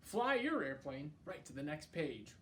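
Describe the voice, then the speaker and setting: A man hosts a children's storytime at a library, reading a picture book aloud at a measured pace in a voice on the high side. His delivery is playful, exaggerated and expressive, and he speaks directly to his young listeners with questions and prompts. There's a little hiss or hum in the recording.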